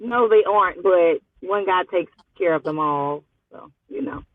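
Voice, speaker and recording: Calling from a parked car, a woman in her twenties from Louisiana chats casually, sounding flustered, evasive, and slangy. She speaks unhurriedly in a lowish voice with no room sound, and the call audio is muffled like a phone line.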